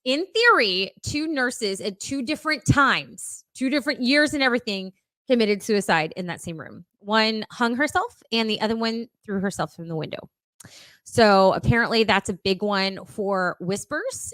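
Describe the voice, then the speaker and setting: A woman's voice: mid-range voice, moderate pace, fairly bright tone, no room sound. A woman co-hosting a casual podcast, chatty and laughing often, with lots of fillers. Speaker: podcast co-host. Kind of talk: casual chat.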